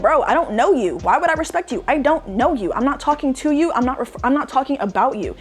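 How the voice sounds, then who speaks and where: A young woman giving casual online commentary, exasperated and emphatic, with lots of "like" fillers. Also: fairly high pitch. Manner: exasperated, emphatic ranting with frequent "like". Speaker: social media commentator.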